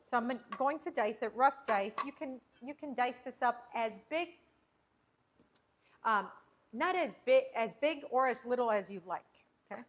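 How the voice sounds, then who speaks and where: A woman's voice: a little high, expressive, measured pace. A woman hosting a casual cooking livestream from her home kitchen, chatting and rambling with frequent restarts as she preps food. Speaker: cooking show host.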